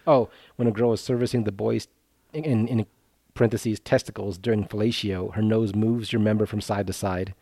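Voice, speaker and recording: Gravelly low-voiced man, offhand podcast chat. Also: fairly even intonation, normal speed, warm tone, no room sound. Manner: reads and spells out words, laughs often, offhand. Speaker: podcast co-host running a quiz. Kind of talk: casual chat.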